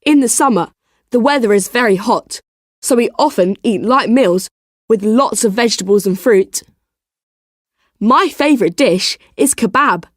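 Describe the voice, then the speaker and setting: A woman reading the part of a friendly young boy in a clear, careful textbook style for learners. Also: a little high, animated, unhurried, no room sound, clean studio sound. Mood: cheerful.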